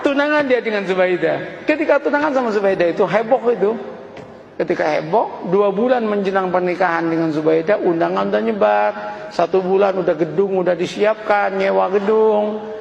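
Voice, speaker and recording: Gravelly, joking preacher. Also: male voice, high-pitched, moderate pace, a little hiss or hum. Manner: animated, joking storyteller. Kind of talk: humorous sermon storytelling. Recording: roomy hall, dull lo-fi sound.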